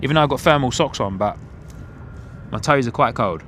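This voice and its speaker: A man from Hertfordshire, England, whose English accent carries a New Zealand twang, hosts a live plane-spotting stream from a van-top platform beside an airport. His mid-range, fairly bright voice is brisk with lively intonation as he chats casually, commentates and greets and thanks viewers by name. Outdoor airport ambience and clear vehicle noise are audible.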